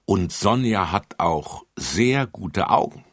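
A man reading aloud plays a gentle, kindly carer in a children's storybook, pitched up a little from his low, husky voice. The sound is close and dry. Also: expressive, takes it slowly, dry recording, exaggerated voice. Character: kindly adult woman, a children's home carer.

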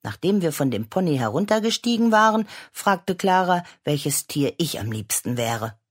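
A woman reading a children's story aloud with expressive storytelling. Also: fairly low pitch, moderate pace. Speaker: reader.

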